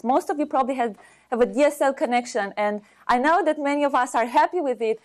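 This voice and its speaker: Speaking off the cuff at an academic seminar, this Romanian-accented woman, a university researcher, stops and starts while searching for the right words. Her pitch is a little high.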